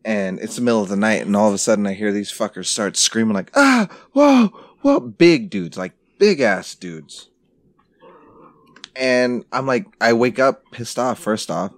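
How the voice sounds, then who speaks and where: A man's voice: on the low side, moderate pace, dry recording, clean studio sound. A man from Arizona, a podcast co-host, telling a story in casual, profane, blunt chat. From Arizona, USA.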